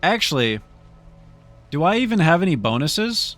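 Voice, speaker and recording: A man's voice: a little high, big pitch swings, moderate pace, fairly bright tone, faint music behind. A man streaming a game, giving casual, playful commentary and theatrically deliberating with his chat. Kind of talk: casual live gameplay commentary.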